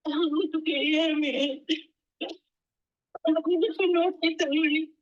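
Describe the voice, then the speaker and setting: Seorang perempuan Indonesia beraksen Jawa yang menelepon ke siaran langsung, bicaranya tersendat dan ragu, suaranya pecah dan terpotong lewat mic handsfree. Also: female voice, high-pitched, fairly even intonation. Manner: halting, hesitant, overwhelmed. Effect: clipping, breaking call audio from a handsfree mic. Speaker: caller, domestic worker abroad. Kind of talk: live call-in on a counseling stream. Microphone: handsfree headset on a phone call. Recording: dull, distorted call line.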